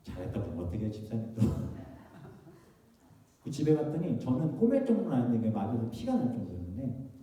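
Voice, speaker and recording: A man's voice: medium pitch, huge pitch swings, a little fast, warm tone. A man preaching a sermon as a pastor, telling a childhood story with acted-out quotes and questions to the congregation. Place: church sanctuary. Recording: echoey church hall from a distant mic.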